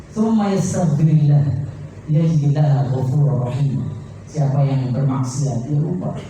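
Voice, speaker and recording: Echoey, dark-voiced preacher. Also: male voice, on the high side, a little hiss or hum. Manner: storytelling with quoted dialogue and Arabic recitation; addresses listeners directly, asking them questions. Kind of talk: sermon. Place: mosque. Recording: echoey room, heard from a distance.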